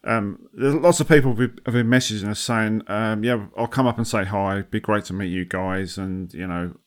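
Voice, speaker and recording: A man's voice: on the low side, moderate pace. A man with an Essex accent chatting casually as a podcast co-host, with jokey, blokey banter. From south-east England, Essex. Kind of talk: casual chat. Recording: recorded remotely over online link.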